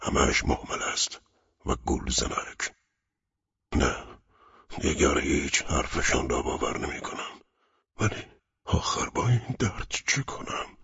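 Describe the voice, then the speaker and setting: A man voicing a weary, dying middle-aged judge, talking in a husky, pained, half-whispered mutter. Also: a bass voice, bright, forceful tone, no echo, full character voice. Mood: despairing whisper. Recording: dull lo-fi recording.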